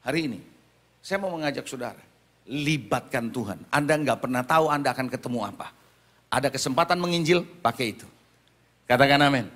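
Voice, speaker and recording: A man's voice: mid-range voice, a little fast, a bit bright. A middle-aged man with an Indonesian accent, preaching a sermon and calling out to the congregation for amens. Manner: preaching with audience call-outs. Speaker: pastor.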